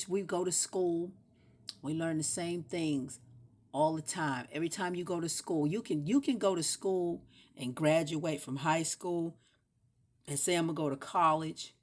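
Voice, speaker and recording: A woman with a low voice talks through a loose, rambling monologue. She hammers the same words again and again to make her point, swinging from loud mock outbursts down to near-whispers. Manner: breaks into playful shouts and drops to a whisper. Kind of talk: casual spoken monologue.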